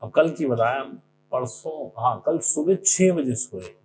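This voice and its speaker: A man's voice: mid-range voice, unhurried. A man giving an informal spiritual talk in a conversational manner, leaning on stories from his own life and often mimicking what others said. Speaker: spiritual speaker. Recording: noisy recording with a steady hum.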